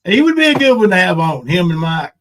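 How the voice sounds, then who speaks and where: A man in his fifties, a former pro wrestler, hosts a podcast and reminisces casually about old times with colloquial, folksy banter. His voice sits high and a bit bright, and he talks fast and very animatedly.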